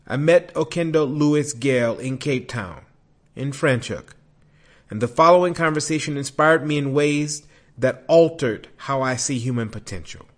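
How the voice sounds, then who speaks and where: A man hosting a podcast, delivering a scripted introduction and interview questions with emphatic, dramatic pauses. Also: mid-range voice. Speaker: podcast host.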